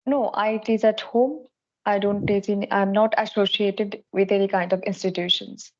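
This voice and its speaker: A woman from India who tutors English, speaking slowly and carefully in a casual practice conversation over a call. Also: medium pitch, fairly even intonation. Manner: slow, careful non-native English. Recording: dull lo-fi call audio.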